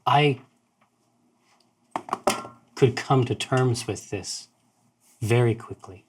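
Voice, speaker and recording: A man voicing a young male tentacle familiar from a tabletop game, who speaks in a slow, formal, ominous way. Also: medium pitch, background noise. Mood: hungry.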